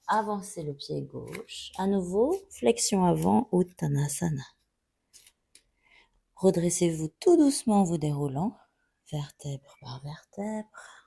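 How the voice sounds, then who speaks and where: A woman teaching a yoga class, giving calm, gently guiding cues through each pose. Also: fairly low pitch, vocal fry, slightly rough. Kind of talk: guided yoga instruction.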